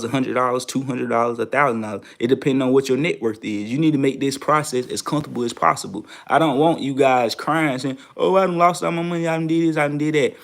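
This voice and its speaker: A young man hosting a trading show, talking casually and repeating phrases for emphasis. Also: medium pitch. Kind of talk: casual advice talk to viewers.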